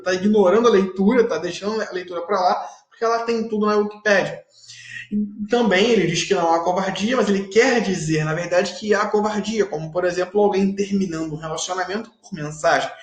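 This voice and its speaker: A man's voice: high voice, roomy sound. A male teacher giving a recorded online class in a chatty way, often ending phrases with rhetorical tags.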